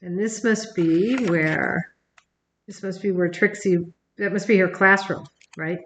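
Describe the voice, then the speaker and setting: An older grandmother reads a bedtime story in a gentle voice and pauses to ask her grandchild questions. She speaks at a medium pitch, and the echoey room makes the webcam recording sound roomy. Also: fairly even intonation, slight background noise. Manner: gentle, talks to the child by name between pages.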